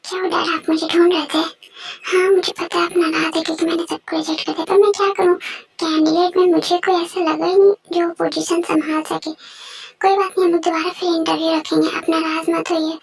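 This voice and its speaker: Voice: very high-pitched, little pitch movement, fairly quick, creaky, soft background music, poor audio. A performer voicing a young adult son who politely apologizes to his father. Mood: apologetic. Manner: polite, reassuring.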